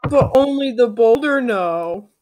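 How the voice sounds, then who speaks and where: A woman playing a simple, stubborn, soft-hearted giant who talks about themself in the third person. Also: a little high, animated, low-quality recording. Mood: earnest, stubborn. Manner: slow, speaks of self in third person.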